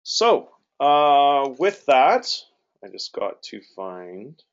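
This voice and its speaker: Male webinar moderator, informal and loosely worded, average pitch, muffled lo-fi recording. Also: very animated, drawn-out words. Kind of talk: live webinar hosting. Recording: dull lo-fi audio.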